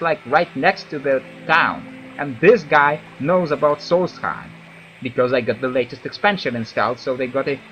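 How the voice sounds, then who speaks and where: Wry male gamer, bright lively voice. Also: on the high side, highs cut off. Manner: wry, joking asides. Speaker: gaming video host. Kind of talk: let's play commentary.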